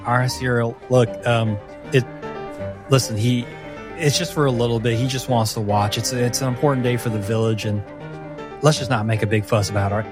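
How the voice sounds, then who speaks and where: A man's voice: medium pitch, steady tone, fairly quick, over music, natural voice. A man voicing a nervous, stammering blacksmith who pleads to avoid a fuss. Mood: pleading. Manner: stammering, hesitant.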